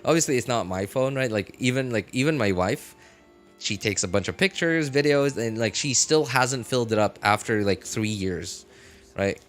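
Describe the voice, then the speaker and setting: The streamer, a man, rambles casually through his reasoning on a livestream, conversational as he argues points and checking in often with brief questions. His medium-pitched voice has lively intonation and a moderate pace. Music runs in the background.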